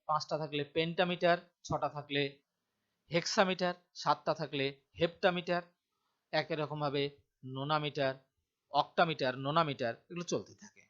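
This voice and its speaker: A man teaching a poem to students, reading quoted lines slowly with emphasis. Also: fairly high pitch, pushed and bright. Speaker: literature teacher. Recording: dull lo-fi sound.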